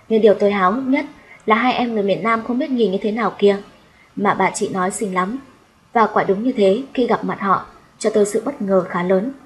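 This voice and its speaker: A woman narrating a first-person audiobook story in a steady storytelling manner. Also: mid-range voice, a little hiss or hum, rough recording.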